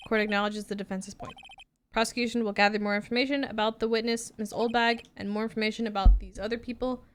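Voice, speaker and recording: A woman voicing a stern male judge in a courtroom video game, speaking formally and in measured phrases. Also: fairly high pitch, fairly even intonation, slight background noise, lightly acted. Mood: solemn. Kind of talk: reading video game dialogue aloud. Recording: music playing behind the voice.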